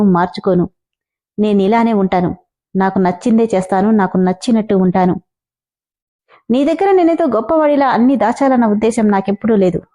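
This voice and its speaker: A woman's voice: on the high side, dark tone, lightly acted. Woman voicing a cold, arrogant young husband.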